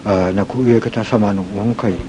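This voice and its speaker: Male storyteller, Okinawan accent, fairly low voice, halting delivery full of fillers; noisy recording with background hiss. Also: fairly even intonation. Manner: halting, with many pauses and fillers. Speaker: folk storyteller. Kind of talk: telling a folk tale.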